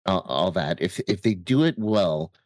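A man's voice: deep voice, animated, a little slow, darkish tone, no room sound, clean studio sound. A man co-hosting a podcast, sharing his thoughts in casual discussion. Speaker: podcast co-host.

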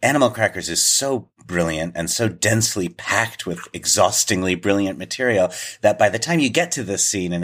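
A man with a fairly low voice talks things through on a casual podcast. He is thoughtful and analytical, with the odd restart. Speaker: podcast co-host.

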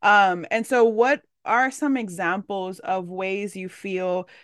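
A woman's voice: mid-range voice, steady tone, slow pace, clean tone, no echo, clean studio sound. A woman from the Dominican Republic hosting a faith podcast, effusive and full of fillers, reacting with lots of wows. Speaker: podcast host. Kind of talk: casual faith podcast conversation.

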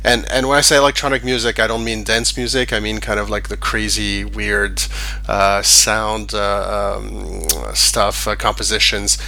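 A man's voice: on the low side, little pitch movement, moderate pace, vocal fry, bright, forceful tone. A middle-aged man from France, a guest in a casual interview, talking with many fillers and restarts. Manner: hesitant, many fillers and restarts, laughs easily. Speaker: guest, online business owner.

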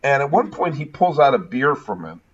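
A man's voice: mid-range voice, big pitch swings, moderate pace, slightly rough. A New England man with a Northeastern US accent, talking films in a loose, eager way and often restarting sentences. His voice sits mid-range. The podcast audio is slightly dull. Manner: enthusiastic, rambling, many restarts. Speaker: podcast co-host. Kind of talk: casual film discussion.

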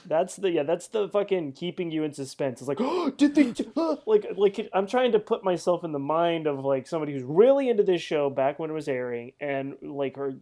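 A man co-hosting a loose podcast chat, swearing and acting out reactions as he talks. His voice sits a little high and swings widely in pitch, so his delivery sounds very lively. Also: fairly quick, hardly any pauses. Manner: animated, swears, acts out reactions. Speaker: podcast co-host. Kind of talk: casual chat.

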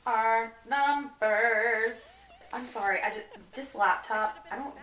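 A woman co-hosting a casual podcast, a little hoarse, talking casually with quick asides and some swearing. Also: fairly high pitch, fairly bright tone. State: slightly hoarse from partying. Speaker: podcast co-host.

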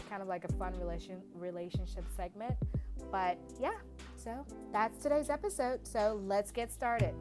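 A woman co-hosting a podcast, introducing the episode in a chatty, giggly way with fillers like "um" and "you know". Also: mid-range voice. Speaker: podcast co-host. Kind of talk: casual podcast chat. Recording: loud music behind the voice.

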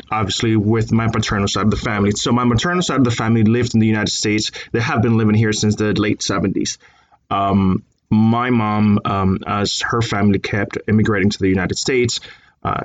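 A man in his thirties from Colombia, talking in a measured interview with many fillers. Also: lowish voice, dull audio. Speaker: guest. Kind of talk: conversational interview.

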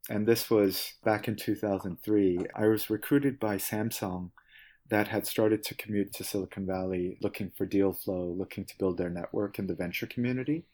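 Measured man, low voice. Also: mellow. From South Korea. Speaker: guest, venture capitalist. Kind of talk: interview answers.

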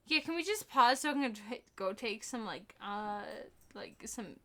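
A chatty woman co-hosting a podcast over a remote call, a little tipsy and swearing casually. Her voice sits a touch high and comes across bright and forward. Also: expressive, measured pace. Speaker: podcast co-host. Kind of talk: casual chat. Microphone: headphones with mic over a call.

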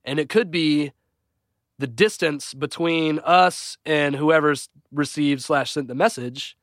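A man co-hosting a casual podcast, tossing out excitable speculative ideas and swearing casually. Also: on the high side, slow, dry recording, studio quality. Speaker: podcast co-host.

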